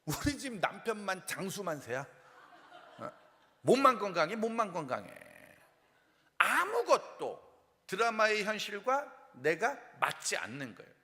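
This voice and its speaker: Animated, high-voiced Korean pastor preaching playfully. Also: male voice, unhurried. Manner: playful, animated, acts out quoted complaints and sings snippets. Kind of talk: humorous revival sermon. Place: church sanctuary. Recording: long hall reverb.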